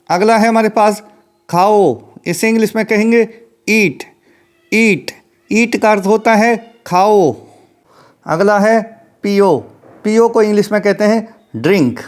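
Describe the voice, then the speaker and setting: A man teaching English words as a vocabulary lesson, in a deliberate drilling manner that repeats each word. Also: high voice, darkish tone.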